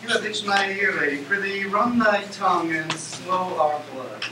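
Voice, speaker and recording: A man's voice: sits high, moderate pace, close to an everyday voice. A man playing a brooding, courtly suitor in a grandiloquent mock-Shakespearean stage manner. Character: courtly, brooding suitor speaking archaic verse. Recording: echoey, noisy, distant room recording.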